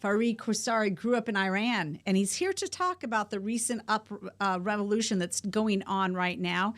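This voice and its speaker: A woman's voice: medium pitch, normal speed, no room sound. A woman hosting a studio interview show, assertive and steering the talk with interjections. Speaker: show host.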